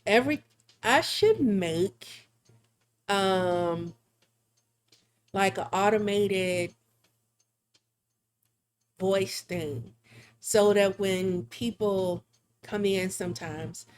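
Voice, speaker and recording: A woman's voice: medium pitch, drawn-out words, long pauses. A woman hosting a live drawing stream, chatting casually and laughing often as she thinks aloud. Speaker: livestream art host.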